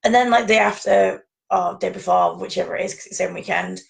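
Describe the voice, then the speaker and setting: A woman co-hosting a casual chat, rambling and chatty with frequent laughs and a gravelly voice. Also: medium pitch, fast. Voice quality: gravelly, creaky voice. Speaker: podcast co-host. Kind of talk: casual chat about fan conventions.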